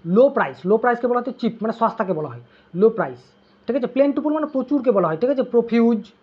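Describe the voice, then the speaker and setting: Tutor going over english vocab for an exam, husky breathy voice, keeps asking "okay?", sounds kinda dull and lo-fi. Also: medium pitch, animated, fast talker. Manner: drills terms with constant "okay?" check-ins; asks students questions, then answers them. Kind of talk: online exam-prep lesson.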